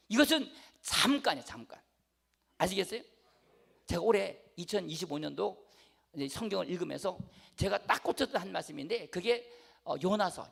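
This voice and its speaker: A man's voice: high-pitched, creaky, a bit bright. A middle-aged male pastor preaching a sermon, emphatic and repetitive, often checking that his congregation understands. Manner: emphatic, repeats phrases, asks the congregation "아시겠어요?".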